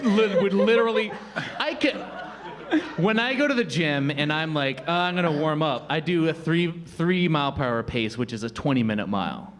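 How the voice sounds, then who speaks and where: Improv guy with a slightly high voice, rambling and chuckling mid-story. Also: moderate pace. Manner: rambling, laughing, self-interrupting. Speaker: improv performer. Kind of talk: comedic storytelling on stage. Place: comedy venue stage.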